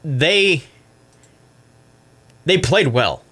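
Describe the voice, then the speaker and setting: A man's voice: a little high, lively intonation, very slow, pushed and bright, slightly rough. Young male college radio host reading scores and stats, loose and chatty, often corrects himself. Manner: casual, fills with "I mean", corrects himself. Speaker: sports show host. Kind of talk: college radio sports recap.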